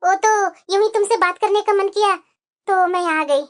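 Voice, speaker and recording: A woman voicing a selfish, sharp-tongued elder daughter-in-law in a cartoon, sarcastic and resentful. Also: very high voice, normal speed. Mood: sweet-talking. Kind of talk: cartoon voice acting.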